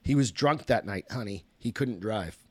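A man reading the lines of a tired mother who speaks in a flat, monotone voice, in a dry recording. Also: fairly low pitch, normal speed, breathy edge, dry recording. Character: weary mother, tired and soothing.

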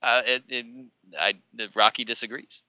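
A man's voice: medium pitch, fairly even intonation, moderate pace, bright, forceful tone, clear, resonant tone, rough recording. A man co-hosting a casual movie chat, joking and laughing often.

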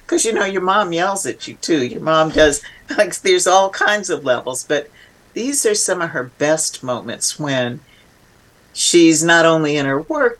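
This older woman, a guest in an interview, has a deep voice. She comes across as reflective and conversational, thoughtful and emphatic, often stopping and restarting her sentences.

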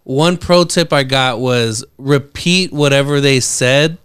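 A man with a smooth, clear voice at a middle pitch, talking through a stand-up tip in a relaxed way. The sound is dry and close, with no room around it. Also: slow pace, no echo. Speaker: comedian and podcast co-host. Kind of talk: casual chat giving advice.

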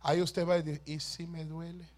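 A man preaching a sermon as a pastor, slowly and emphatically, swinging from hushed storytelling to shouted proclamation. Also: fairly high pitch, level tone.

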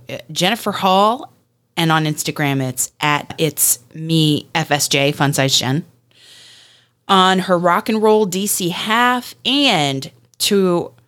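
Lively low-voiced woman podcast host. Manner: bubbly, laughs easily, expressive. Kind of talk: casual podcast chat.

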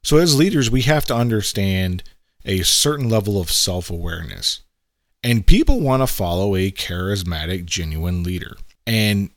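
A man's voice: deep voice, no echo. A middle-aged man talking casually in a monologue, giving leadership advice and often asking "right?". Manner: conversational, often asks "right?".

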